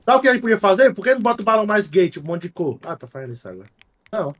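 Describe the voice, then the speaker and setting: Fast-talking, profane joking man. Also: high-pitched, big pitch swings, fairly bright tone. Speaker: guest streamer. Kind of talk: casual gaming stream chat.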